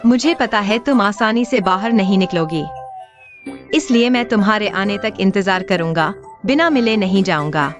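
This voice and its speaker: A woman dubbing a sharp-tongued young woman in a drama who talks curtly and bluntly. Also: mid-range voice, normal speed, music in the background, natural voice. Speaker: voice actor in a Hindi dub. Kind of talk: dubbed TV drama acting.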